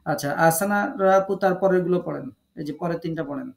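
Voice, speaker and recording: A man's voice: on the high side, fast talker, vocal fry. A man teaching Quran recitation in an online class, calling on students and patiently repeating syllables for them.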